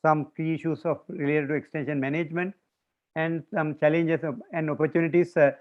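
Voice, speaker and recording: An older Sinhalese-speaking man with a Sri Lankan accent gives an online lecture in English, pausing often with drawn-out uhs. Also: on the high side, flat delivery. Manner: hesitant, frequent pauses with drawn-out uhs. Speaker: visiting lecturer and retired professor, guest speaker. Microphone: video call. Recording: dull, lo-fi video call audio.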